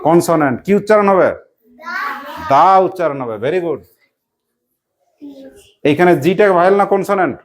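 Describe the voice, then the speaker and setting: A teacher giving a classroom lesson, quizzing pupils with repeated questions and briskly praising correct answers. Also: mid-range voice, expressive.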